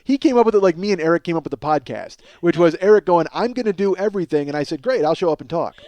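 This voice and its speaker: A fast-talking podcast host with a high, expressive, slightly mellow voice rambles through a casual comedy monologue, cutting himself off, swearing and mocking himself, with no echo in the audio.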